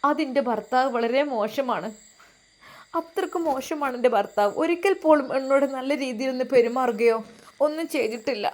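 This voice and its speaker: A woman's voice: sits high, moderate pace, lightly acted. A woman voicing a hurt, timid young married daughter. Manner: timid, defensive.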